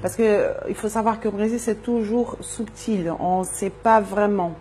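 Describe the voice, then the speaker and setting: A woman's voice: medium pitch, steady tone, moderate pace, dark tone, a little hiss or hum. A woman from Brazil, a native Portuguese speaker, interviewed on radio as a Zumba and wellness coach, talking thoughtfully and repeating words as she searches for them.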